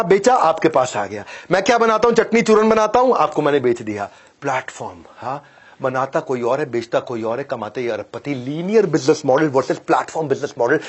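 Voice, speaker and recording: This business coach, a man with a husky voice, delivers a motivational business lecture. He is emphatic and repetitive, swinging between loud declarations and low, dropped phrases while repeatedly telling his listeners to listen.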